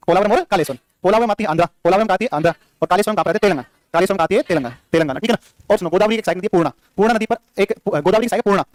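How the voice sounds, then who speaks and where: A quick, high-pitched man lecturing a room of students, drilling them with rapid questions and repeated answers. His voice sits close and dry, with almost no room sound. He teases and scolds the class in a joking way. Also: no room sound. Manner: jokey, scolds the class playfully. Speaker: geography teacher.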